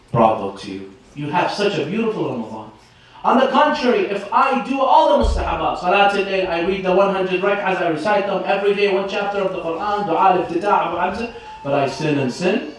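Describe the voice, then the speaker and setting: A man delivering an impassioned sermon, swinging between soft, low passages and loud, emphatic ones. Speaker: religious speaker. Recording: echoey, distant hall mic with faint noise.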